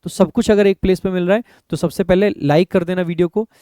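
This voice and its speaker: Male teacher, mellow dry voice. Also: fairly even intonation, clean tone, dry recording. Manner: explains in Hindi, reads English definitions slowly and louder; drops pitch and volume at the ends of phrases. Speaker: English teacher for exam prep. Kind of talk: Hindi-English online lesson.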